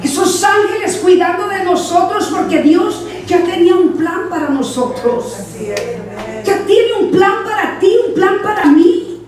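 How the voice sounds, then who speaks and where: A woman pastor, preaching a sermon in an animated way and acting out the voices in her stories. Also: very high-pitched, a little slow, a crowd in the background. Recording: echoey church from far off.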